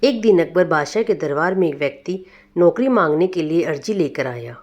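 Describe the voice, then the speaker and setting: A woman narrating a short folk tale to her listeners in a calm, even storytelling manner. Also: low-pitched, moderate pace.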